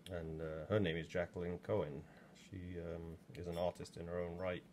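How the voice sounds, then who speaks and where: This English potter in his sixties has a deep, slightly mellow voice and a flat delivery at a moderate pace. He rambles casually with lots of ums while working, filmed from just over his shoulder, with slight background noise.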